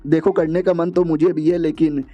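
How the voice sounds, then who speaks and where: A man's voice: on the high side, level tone, normal speed, muffled recording, natural voice. A man reading a haughty young princess. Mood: gentle. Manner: haughty, blunt. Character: proud, sharp-tongued young princess.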